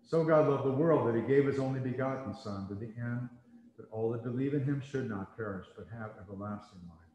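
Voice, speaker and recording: A man leading a church service, reciting and chanting the liturgy in a slow, measured, solemn way, heard in a large church with a cathedral echo. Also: mid-range voice, a little mellow. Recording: cathedral echo with long reverb, from a distance.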